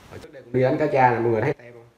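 A young man sells used fishing gear in a casual on-camera chat, seated on a tiled floor in an echoey space, loosely displaying reels and rods, fumbling brand names, and hailing viewers often. He speaks very fast in a medium, slightly mellow voice with fairly even intonation, and the sound is lo-fi.

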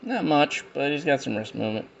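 A man's voice: a little high, lively intonation, fairly quick, creaky, muffled recording, slight background noise. A man giving rambling, jokey commentary as he unboxes and reviews action figures. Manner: rambling, jokey, with frequent fillers. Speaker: toy reviewer.

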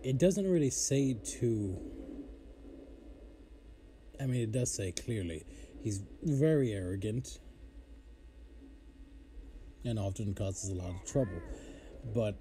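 A man's voice: fairly low pitch, expressive, slow pace, long pauses, mellow, a little hiss or hum. A man hosting a casual Bible teaching show, informal and easily amused, often breaking off to apologize and laugh at himself.

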